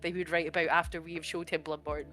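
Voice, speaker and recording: Lowish-voiced woman, laughing casual chatter. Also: flat delivery, quick pace, fairly bright tone. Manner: laughs often, swears casually. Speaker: podcast co-host. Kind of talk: casual chat.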